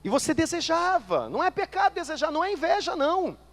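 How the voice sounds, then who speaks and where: A man preaching a sermon as pastor, animated, asking the congregation rhetorical questions and acting out their excuses. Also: extremely high pitch, fast talker, big-room sound. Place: church.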